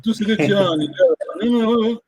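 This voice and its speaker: A man teaching a language lesson, patiently repeating words slowly for a learner. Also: high voice, darkish tone, slightly rough.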